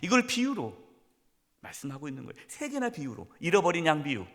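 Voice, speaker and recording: A middle-aged male pastor with a fairly high voice delivers a sermon, rising to forceful rhetorical questions and dropping to hushed near-whispers. His voice rings with the long reverb of a church sanctuary. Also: huge pitch swings, brisk. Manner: swings between loud emphatic questions and hushed near-whispers.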